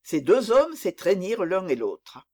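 A narrator giving a steady, expressive scripted reading of a classic novel. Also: medium pitch, unhurried.

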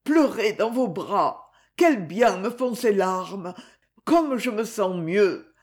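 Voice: mid-range voice, expressive, slow, voice pushed up. A reader voicing a sick, remorseful young boy in an audiobook, anxious and pleading. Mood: tearful relief. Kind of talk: audiobook character reading.

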